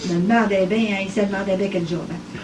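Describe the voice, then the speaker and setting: A woman's voice: mid-range voice, fast talker, noisy background. An older woman with a Québécois accent, telling a story at a home gathering and acting out what each person said, often laughing. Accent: Québécois French. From Quebec. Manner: animated, acts out dialogue, laughs often. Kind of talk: casual storytelling. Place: living room at a private evening gathering. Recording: echoey home cassette recording from far off.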